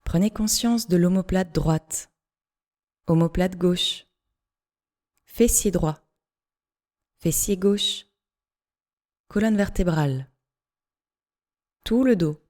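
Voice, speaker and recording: Her voice on the low side and a little mellow, a female yoga teacher leads a guided relaxation. The instructions come measured, in brief phrases separated by pauses.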